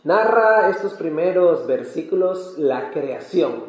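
A man from Peru, a missionary, preaching calmly in short phrases and pausing for his interpreter in a church. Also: a little high. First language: Spanish. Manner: calm, measured, pausing for translation. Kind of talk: sermon with interpreter. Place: church hall. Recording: echoey church hall.

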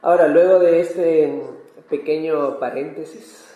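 A man from Peru, a missionary, preaching calmly in short phrases and pausing for his interpreter in a church. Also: a little high, dull audio. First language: Spanish. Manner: calm, measured, pausing for translation. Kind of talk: sermon with interpreter. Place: church hall. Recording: echoey church hall.

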